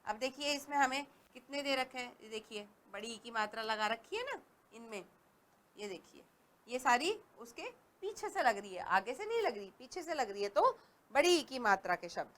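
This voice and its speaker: A woman teaching a reading lesson to young children, patient and stressing each word clearly. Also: fairly high pitch, big pitch swings, normal speed, a bit bright.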